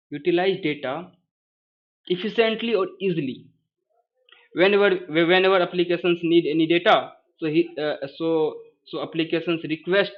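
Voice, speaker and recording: A man with a thick Hindi accent gives an informal lesson in hesitant, halting English, often repeating words and phrases. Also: high-pitched, lo-fi sound. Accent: thick Indian (Hindi). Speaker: first-time tutorial presenter.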